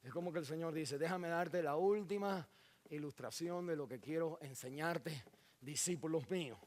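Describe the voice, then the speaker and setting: A man preaching a sermon in a church, acting out scenes with sudden shouts and dropping in English words. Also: on the high side, moderate pace. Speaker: pastor.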